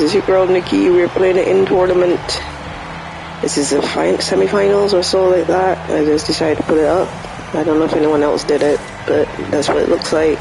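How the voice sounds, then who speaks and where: A woman's voice: sits low, gravelly, low-quality recording. A woman gaming streamer, sick with the flu, chatting in a rambling, casual way during a livestream.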